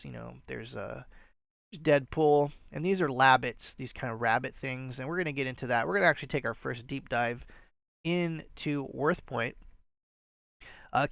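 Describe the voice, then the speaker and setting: Nasal, rambling man with gravelly voice. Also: medium pitch, fairly bright tone, no echo, studio quality. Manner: rambling, filler-heavy, self-deprecating. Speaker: resale channel host. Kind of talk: casual show-and-tell vlog.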